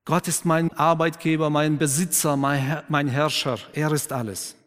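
Slightly high-voiced preacher in a reverberant church. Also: male voice, level tone. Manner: asks the congregation questions and affirms their answers; slows and drops to a quiet, emphatic tone for key points. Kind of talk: sermon. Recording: long reverb of a church hall.

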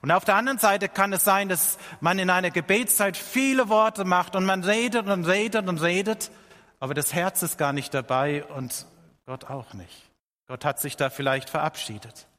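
A middle-aged man preaching a sermon, his voice sitting a little higher than most men's. He speaks earnestly and slows down to stress his points. His words ring out with a long reverb, as in a large church hall. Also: pushed and bright. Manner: earnest, slows down for emphasis, quotes scripture with rising voice.

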